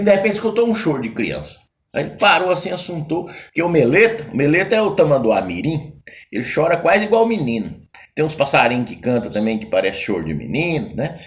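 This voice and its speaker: Male caipira storyteller, casual and rambling, colloquial folk-tale telling. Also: mid-range voice. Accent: Brazilian caipira.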